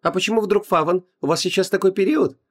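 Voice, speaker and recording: A man's voice: sits high, a little fast, voice pushed up. A man voicing a sardonic young woman, a restless spirit, who stammers and hesitates before turning sarcastic.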